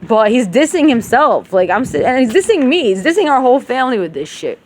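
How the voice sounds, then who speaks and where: Very animated and fairly quick, a woman with a higher-pitched, darkish voice vents to herself in an emotional, profane ramble that switches between Arabic and English. Her Arabic carries a rural Levantine accent, and a little hiss or hum runs under the audio.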